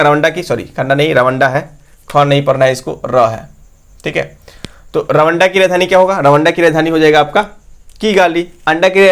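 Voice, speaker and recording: A man teaching an exam-prep lesson, repeatedly asking his listeners questions and answering them himself. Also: fairly high pitch.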